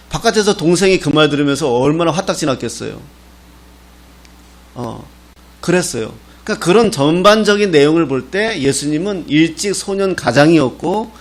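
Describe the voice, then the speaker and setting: A middle-aged man, a pastor from Gangwon Province, preaching a sermon in a folksy, storytelling manner with touches of humor. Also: a little high. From Gangwon Province, Korea.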